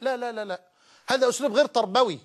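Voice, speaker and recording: A man preaching with a marked Egyptian Arabic accent and a high-pitched voice. He presses his listeners with rhetorical questions and drives each point home by repeating it with fervor. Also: very fast. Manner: impassioned, with rhetorical questions and emphatic repetition. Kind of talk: sermon.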